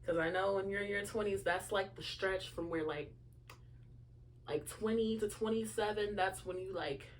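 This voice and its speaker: Young female host, early twenties, low voice, rambling casual asides, faint room hum. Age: young adult. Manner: chatty, lots of fillers and asides to listeners. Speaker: podcast host. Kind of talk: casual solo chat.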